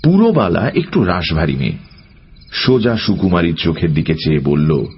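Deep-voiced male storyteller. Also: very animated, moderate pace, slightly rough. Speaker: narrator. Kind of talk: storytelling narration. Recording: dull lo-fi audio with music.

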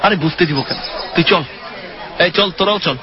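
A man's voice: high voice, moderate pace, crowd noise, close to an everyday voice. An actor playing a curious, questioning young man exploring a mystery with friends in an audio drama. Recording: muffled lo-fi with background noise.

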